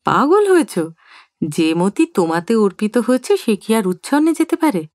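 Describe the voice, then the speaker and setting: A woman's voice: fairly high pitch, very animated, normal speed, darkish tone, no echo, studio quality. A woman voicing an older husband who banters in a playful, mock-innocent way in an audio story. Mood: teasing.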